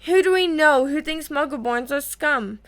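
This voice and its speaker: A woman's voice: high-pitched, normal speed, close to an everyday voice. A woman reading the lines of a hot-tempered, sarcastic teenage schoolboy. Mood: heated. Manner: sarcastic, hotheaded.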